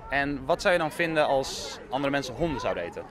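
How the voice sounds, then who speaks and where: A man's voice: mid-range voice, big pitch swings, fast talker, crowd noise. A young man doing a street interview outdoors with a handheld mic, asking probing, persistent questions. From Netherlands. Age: young adult. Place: busy town street outdoors. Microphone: handheld mic with fur windscreen. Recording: faint street noise.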